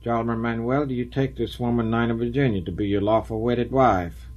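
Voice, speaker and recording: A man playing a gruff small-town parson in a radio drama. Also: mid-range voice, fairly even intonation, a little fast, darkish tone, muffled recording, lightly acted. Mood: formal. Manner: gruff, grumbling. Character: grumpy male small-town parson, woken at night.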